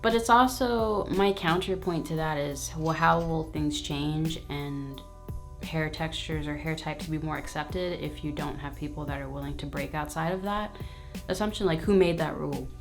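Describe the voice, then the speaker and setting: A YouTube host with a low, full female voice speaks directly to her viewers at a normal pace in a relaxed vlog Q&A. She comes across as frank and casual, full of slang and side remarks, while faint music plays beneath her.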